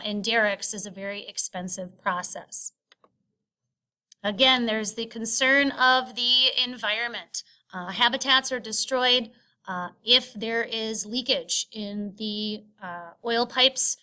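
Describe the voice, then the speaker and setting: A woman teacher narrating a screen-recorded lecture, explaining step by step in a halting way with frequent filled pauses. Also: on the high side, pushed and bright. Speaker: science teacher. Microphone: screen recording voice-over.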